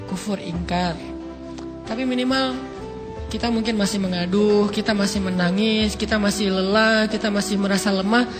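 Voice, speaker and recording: A man's voice: high-pitched, in a large hall. Guy preaching, chatty and emphatic, music playing behind him. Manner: conversational and playful, with rising emphatic stresses. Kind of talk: sermon. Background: background music.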